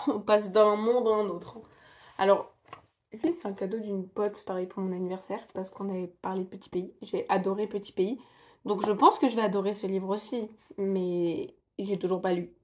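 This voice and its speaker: Young woman chatting casually to camera, rambly, laughs at herself, medium pitch. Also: steady tone, normal speed, darkish tone. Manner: chatty, rambling, self-mocking, filler-heavy. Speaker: book vlogger.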